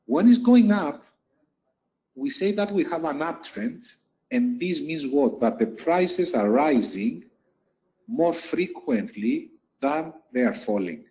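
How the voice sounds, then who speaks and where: A man's voice: a little high, animated, slow, dull audio. A man teaching a lesson over chart slides, explaining step by step and repeating key points for emphasis. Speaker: trading instructor.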